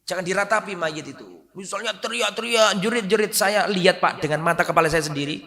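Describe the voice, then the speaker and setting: A high, bright-voiced man delivers a sermon in a hall with a long echo. He hammers his points with loud bursts and then sinks to quiet, low asides. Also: fairly quick, creaky. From Indonesia. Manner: emphatic, rising to loud stress then dropping low. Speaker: preacher. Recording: echoey hall reverb.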